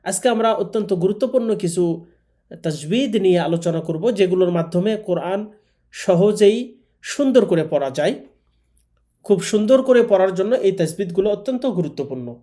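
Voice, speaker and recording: A man teaching a Quran class, explaining rules patiently and slowly stretching out Arabic sounds as examples. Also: sits high, expressive, warm tone. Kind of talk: classroom lesson.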